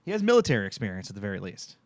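A man's voice: on the low side, wildly swooping pitch, very fast, no room sound. A man hosting a podcast in casual chat, rambling, swearing freely and laughing often. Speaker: podcast host recapping a TV show.

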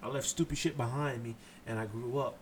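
A man from Haiti hosts his own podcast alone, speaking bluntly and with real heat. He swears freely and presses his listeners hard. His voice sits at a medium pitch over a faint background hiss. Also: fairly even intonation, brisk. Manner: blunt, impassioned, profane. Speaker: podcast host. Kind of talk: solo podcast monologue.

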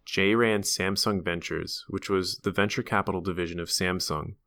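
A man hosting a podcast, speaking in an upbeat, energetic way. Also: sits low, normal speed, dry recording. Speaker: podcast host.

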